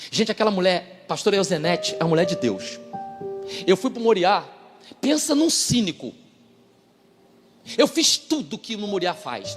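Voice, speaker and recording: A man with a high-pitched voice gives an animated testimony from the pulpit. He acts out dialogue and jumps between loud outbursts and quiet asides. His voice rings through a church hall with a long echo while music plays underneath. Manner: animated, dramatic storytelling with voiced quotes. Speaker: pastor. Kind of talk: testimony sermon.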